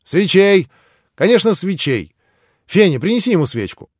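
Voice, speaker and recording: A man reading an audiobook voices a brash, overfamiliar young man who jeers and takes offence quickly. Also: sits high, big pitch swings, dry recording, studio quality, voice pushed up. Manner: loud, cocky, jeering.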